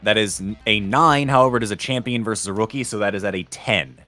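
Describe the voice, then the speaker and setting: Low-voiced male game master over music. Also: fast talker, bright, forceful tone. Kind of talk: narrating a tabletop role-playing game.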